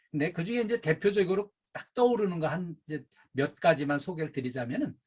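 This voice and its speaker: Animated husky-voiced male lecturer. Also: fairly high pitch. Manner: animated, emphatic lecturing with frequent fillers. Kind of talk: safety and customer service training lecture.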